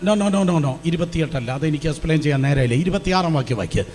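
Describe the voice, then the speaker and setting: A man preaches with fervour, calling on the congregation to repeat his lines back aloud. His voice sits high for a man, with a mellow, dark tone. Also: expressive, quick pace. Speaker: pastor. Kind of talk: Pentecostal sermon with call-and-response. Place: church hall before a congregation.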